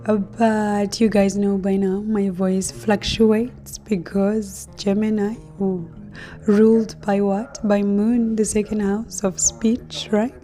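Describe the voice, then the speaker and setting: A woman with a mid-range voice hosts an astrology channel, talking casually to her viewers over soft background music. She is losing her voice, so it sounds hoarse and deeper than usual. Her delivery is slow and relaxed, full of fillers and soft, light laughs.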